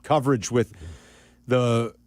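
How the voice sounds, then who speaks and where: A man hosting sports talk radio, excitable and animated as he breaks down a game. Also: mid-range voice, takes it slowly, dry recording.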